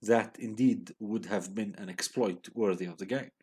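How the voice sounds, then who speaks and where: A man's voice: lowish voice, normal speed, a little mellow, slightly rough. A man reading a scornful teenage gang leader. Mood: questioning. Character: teenage boy gang leader, proud but uneasy.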